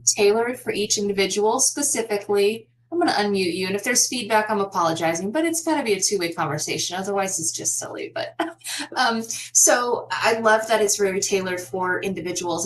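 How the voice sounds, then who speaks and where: A woman hosting an online interview over a video call, chatty and quick to laugh, asking long run-on questions. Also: mid-range voice, a little hiss or hum, poor audio. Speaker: host.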